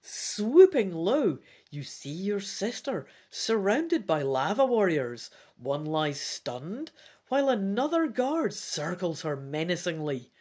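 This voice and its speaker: Here a gamebook player reads aloud theatrically, her voice fairly low and her pace slow. She mixes expressive narration with casual comments on her play.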